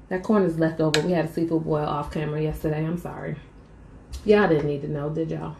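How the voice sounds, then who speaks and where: A chatty young woman talks to "y'all" in a casual eating vlog, taking bites between sentences as a mukbang vlogger. She's indoors in a small room at home and has a mid-range voice. There's reverb and a little background noise.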